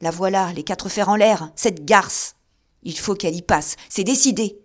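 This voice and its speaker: A woman yelling as a raving drunk man. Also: medium pitch, a little slow, natural voice. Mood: terrified. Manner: yelling, frantic, rough slang.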